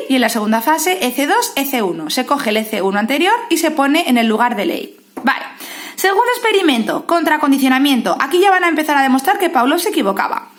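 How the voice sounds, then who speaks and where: High-voiced Spanish woman explaining notes. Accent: Spain Spanish. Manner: lively, says "¿vale?" often, addresses students as "os". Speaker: psychology tutor.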